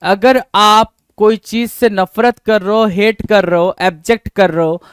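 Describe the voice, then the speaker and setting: A high-voiced man teaches exam vocabulary in a clear, smooth tone. He keeps firing rhetorical questions at the class and answering them himself, repeating each key word. His voice sounds close and dry. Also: fairly even intonation, measured pace, fairly bright tone, no echo. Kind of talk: exam-prep vocabulary lesson.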